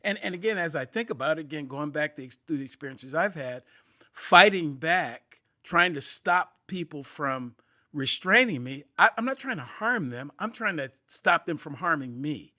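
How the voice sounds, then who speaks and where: A man with a fairly high, bright and forceful voice hosts a podcast interview. He speaks reflectively and haltingly, often repeating his words as he thinks. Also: expressive. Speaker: podcast host. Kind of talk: interview conversation.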